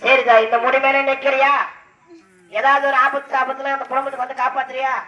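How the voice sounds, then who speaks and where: A man leading a temple ritual, coaxing a possessed devotee with repeated questions and sudden shouted calls. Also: very high-pitched, level tone, a little fast, lo-fi sound. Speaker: temple ritual drummer and officiant. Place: temple festival. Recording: echoey, distant mic. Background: drums and music.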